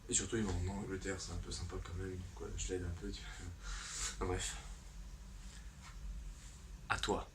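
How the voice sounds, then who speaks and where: A man's voice: low-pitched, level tone, normal speed, long pauses, distant mic, background noise. A man telling an absurd comic story in a rambling way, correcting himself and throwing in sound effects.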